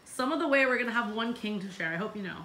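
A woman in her twenties with a hoarse, lost voice, chatting playfully and teasing herself in a casual travel vlog filmed on a phone in a resort room. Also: on the high side, expressive, fast talker, sharp tone, a little hiss or hum, rough recording. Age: 20s. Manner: chatty, self-mocking, playful. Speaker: vlogger. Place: resort hotel room in the tropics. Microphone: handheld phone camera.

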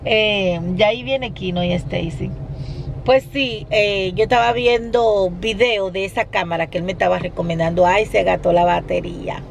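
A woman's voice: mid-range voice, fairly even intonation, moderate pace, creaky, slight background noise. A woman vlogger chatting casually to her viewers from inside a car, laughing often, recorded on a phone. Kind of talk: casual chat to camera. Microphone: phone camera.

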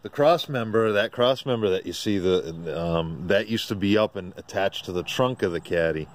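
An amateur radio hobbyist narrates his own casual, unscripted walkaround video in a residential driveway outdoors, speaking haltingly, plainly and colloquially in a low voice. It's filmed on a handheld camera or phone by someone off screen, with outdoor ambience and birdsong in the background.

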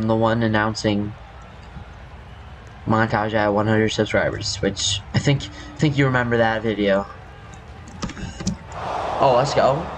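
A young man giving casual, rambling commentary over his own gameplay, his voice scratchy from just waking up. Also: on the low side. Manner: rambling, self-correcting, apologetic. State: scratchy morning voice. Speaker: gaming youtuber.

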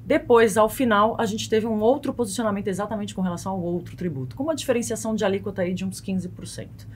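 With a mid-range, slightly mellow voice and a fast pace, a thirty-something Brazilian woman explains conversationally as an expert guest, peppering her talk with brief tag questions. A close boom-arm mic in a small foam-lined studio captures her alongside slight background noise.

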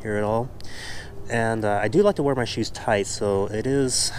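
A man's voice: lowish voice, normal speed, slight background noise. A man in his thirties talking casually to a camera held at arm's length in an outdoor backyard, reviewing running gear. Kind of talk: casual vlog chat. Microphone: action camera at arm's length.

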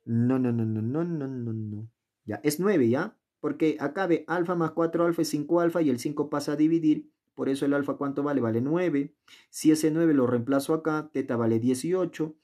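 This geometry tutor has a fairly high, warm voice and speaks at a moderate pace. Working a problem casually, he chats, poses questions to the viewer, and talks to himself as he goes. The camera looks down on his worksheet at a desk indoors.

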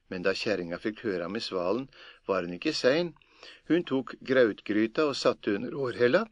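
A man reading a folk tale aloud as an audiobook narrator, in a measured, plain storytelling manner. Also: mid-range voice, no room sound.

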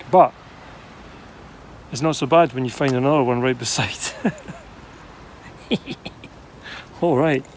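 A chatty Scottish bottle digger and vlogger gives casual commentary while digging at an outdoor site, enthusiastic and thinking aloud. His medium-pitched voice comes with a little hiss or hum, and he's sometimes out of breath.

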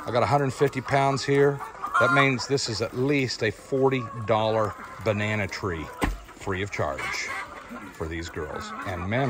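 A man in his fifties filming an enthusiastic, folksy farm vlog outdoors by a chicken pen, explaining as he goes into a phone held at arm's length. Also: medium pitch. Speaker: farm vlogger. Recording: faint outdoor noise with chickens clucking.

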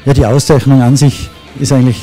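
A man's voice: mid-range voice, flat delivery, quick pace, over music. A middle-aged man, speaking earnestly and heartfelt in an interview at an indoor event, handheld mic. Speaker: project initiator.

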